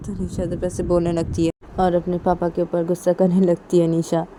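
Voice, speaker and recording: A woman's voice: lowish voice, completely flat delivery, normal speed, background noise. A woman narrating a story in a casual way, repeating simple phrases. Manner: simple, repetitive retelling.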